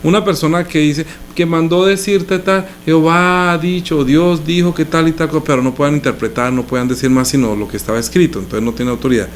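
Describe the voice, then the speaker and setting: A man's voice: on the high side, steady tone, brisk, few pauses, slight background noise. A male pastor teaching a sermon in a conversational way, explaining scripture with everyday examples.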